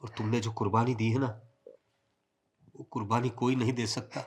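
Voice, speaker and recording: An actor playing a caring elder brother who consoles his upset wife gently and earnestly. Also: medium pitch, flat delivery, normal speed, slightly rough, lightly acted. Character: caring elder brother and husband, adult man. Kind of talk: scripted family drama acting.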